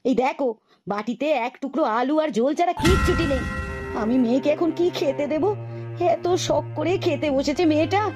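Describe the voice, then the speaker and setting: A woman voicing a caring village mother in a cartoon, motherly and quick to exclaim. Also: high voice, music in the background, close to an everyday voice. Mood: upset.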